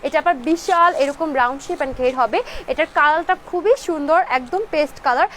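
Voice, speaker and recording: This Bangladeshi host runs a live stream selling clothes, repeating codes and prices while mixing in English. Her voice sits high and a bit bright, and there's slight background noise. A fast has left her throat a touch dry.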